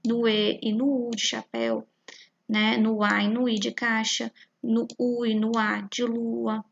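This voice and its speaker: Patient teacher woman with a gravelly edge. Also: fairly high pitch, dull audio, slight background noise. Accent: Brazilian Portuguese. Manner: patient, spells out syllables slowly, frequent "né?" and "tá?". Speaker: primary school teacher. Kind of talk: recorded class explaining worksheet activities.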